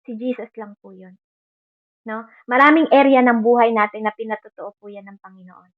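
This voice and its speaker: A woman's voice: a little high, fairly even intonation, normal speed. A woman with a Filipino accent preaching a sermon earnestly, quoting Bible verses in English. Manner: earnest, mixing Tagalog with English Bible quotes. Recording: dull lo-fi recording.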